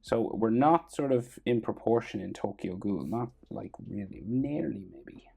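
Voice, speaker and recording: Casual drawing tutor: husky, low-key mellow tone, halting think-aloud delivery. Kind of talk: casual step-by-step drawing instruction. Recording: background noise and music.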